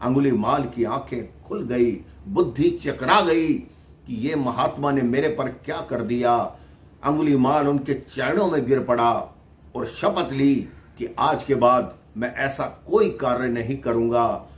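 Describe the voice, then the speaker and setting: A man narrating a devotional moral tale in a slow, measured way, pausing between phrases. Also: mid-range voice, echoey room. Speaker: devotional storyteller.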